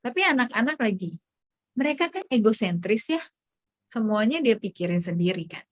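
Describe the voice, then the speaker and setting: A woman's voice: on the high side, big pitch swings, normal speed. A woman psychologist giving an online parenting workshop, explaining in a chatty way and acting out what a parent might say. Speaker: child psychologist speaker.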